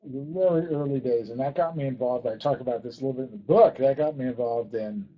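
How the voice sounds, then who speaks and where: The speaker is an author and interview guest who was born in Ghana and grew up in US embassies throughout Southeast and East Asia; he explains conversationally, repeating himself for emphasis. His mid-range voice moves at a quick pace over dull audio.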